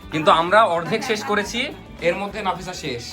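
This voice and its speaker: A man's voice: high-pitched, fast. A man chatting casually as the host of a challenge vlog. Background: clear music.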